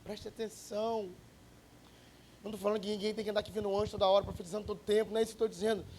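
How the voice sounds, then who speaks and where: Male pastor, relaxed storytelling sermon, bright high voice. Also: rapid-fire, slight background noise. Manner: conversational, storytelling, joking with the congregation.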